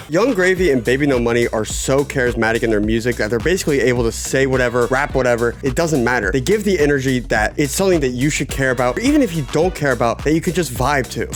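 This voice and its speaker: A young man talks through his comedy vlog in a mid-range voice, cracking profane jokes and mocking himself as he goes. Light music sits faintly underneath. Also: mid-range voice. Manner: jokey, profane, self-mocking. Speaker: YouTube music creator.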